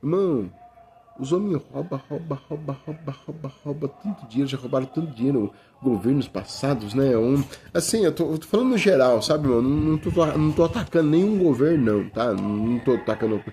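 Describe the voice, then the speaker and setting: A man's voice: medium pitch, expressive, fast, mellow, a little hiss or hum. A middle-aged Brazilian man preaching an informal sermon in a conversational way, often calling listeners brother, with many restarts. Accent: Brazilian Portuguese.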